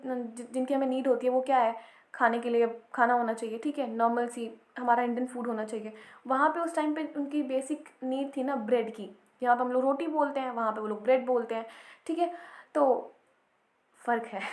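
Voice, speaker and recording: High-voiced female teacher, lecturing patiently and checking in often, in a roomy, echoey space. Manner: explains step by step, checking in with "theek hai". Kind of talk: Hinglish history lecture.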